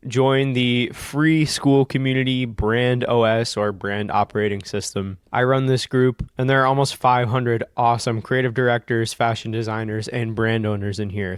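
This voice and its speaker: Upbeat man giving crisp, dry-voiced advice. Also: mid-range voice, dry recording. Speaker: fashion brand founder and channel host. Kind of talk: scripted talking-head advice video.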